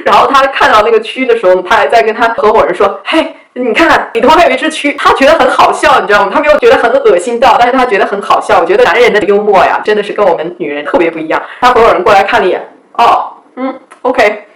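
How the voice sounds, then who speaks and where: A woman's voice: medium pitch, rapid-fire, hardly any pauses, fairly bright tone, echoey room, poor audio. A woman telling stories to her viewers in a casual, chatty way, often asking "you know?". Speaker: vlogger. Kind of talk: casual storytelling.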